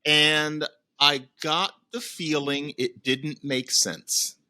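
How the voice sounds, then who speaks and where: A man's voice: on the high side, fairly even intonation, drawn-out words, pushed and bright, no room sound. A man in his fifties, a podcast guest, giving opinionated, emphatic critique in casual chat. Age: 50s.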